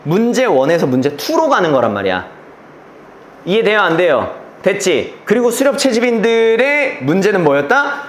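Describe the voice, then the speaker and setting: A man's voice: sits high, sing-song, moderate pace, slight background noise. A man teaching a class, lecturing through an exam passage and checking in constantly with rhetorical questions and blunt slang. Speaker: English teacher. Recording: roomy echo with faint ambience.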